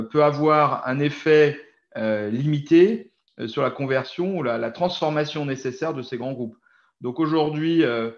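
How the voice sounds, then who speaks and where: A man leading a company results presentation, answering investor questions frankly with many hesitant fillers. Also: mid-range voice. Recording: roomy, dull lo-fi sound.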